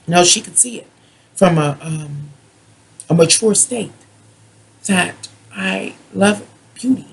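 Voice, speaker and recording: Raspy, creaky-voiced rambling drunken tarot reader. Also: mid-range voice, low-quality recording. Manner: self-described drunken ranting, halting with drawn-out words and repetition. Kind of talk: rambling monologue tarot reading.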